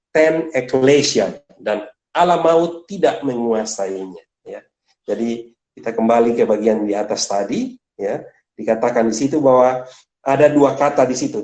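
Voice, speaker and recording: A man giving a Bible study lesson, explaining word by word, often adding a questioning "ya" and stressing key words with a sharp rise in pitch. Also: reverberant. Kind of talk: church teaching session.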